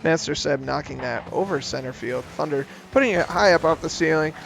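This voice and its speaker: A man calling esports play-by-play, giving a brisk, steady account of the action. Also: fairly high pitch, creaky, a little hiss or hum. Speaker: play-by-play caster.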